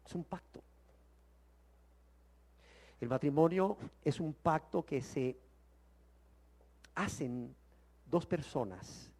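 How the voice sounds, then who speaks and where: A man with a slightly high voice teaches the Bible in sermon style. He is emphatic and full of rhetorical questions, swinging between loud exclamations and hushed words.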